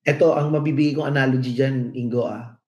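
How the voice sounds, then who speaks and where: A man's voice: medium pitch, steady tone, brisk, a little mellow. A middle-aged man from the Philippines with a Filipino accent, a podcast co-host telling stories in a reflective, casual way. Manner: reflective storytelling. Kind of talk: casual podcast chat, mixing in English. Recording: echoey room.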